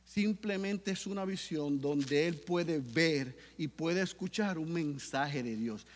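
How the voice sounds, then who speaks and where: A man preaching a sermon, swinging from hushed talk to loud bursts and acting out quotes. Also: a little high, slow, long reverb tail. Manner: acts out Peter's voice in quotes. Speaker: pastor.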